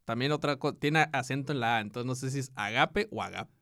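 A man with a Mexican Spanish accent co-hosting a podcast in casual chat, relaxed and reading definitions aloud. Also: medium pitch, fairly quick, no echo, studio quality. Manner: laid-back, reads aloud with laughs. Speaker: podcast co-host.

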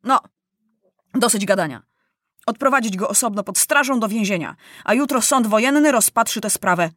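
A woman's voice: a little high, lively intonation, moderate pace, a bit bright, no room sound, studio quality, voice pushed up. Woman reading an angry enemy officer. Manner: angry and scolding.

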